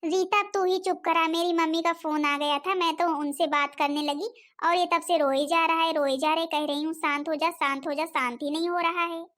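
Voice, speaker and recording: A woman's voice: extremely high pitch, steady tone, moderate pace, fairly bright tone. A woman voicing a stingy, bossy young stepmother who scolds and complains in a cartoon. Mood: scolding. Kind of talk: cartoon voice acting.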